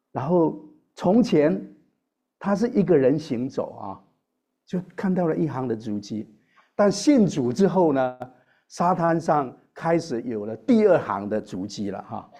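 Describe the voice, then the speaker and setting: Warm-toned preacher man addressing congregation. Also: a little high. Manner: addresses the congregation, asks questions, tags sentences with a soft "ha". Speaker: pastor. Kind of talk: sermon.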